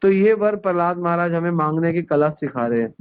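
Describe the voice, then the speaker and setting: A man's voice: on the high side, animated, brisk, clear, resonant tone. A man giving a devotional discourse, explaining scripture verses word by word and repeating key phrases. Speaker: spiritual teacher. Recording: tinny conference-call phone line.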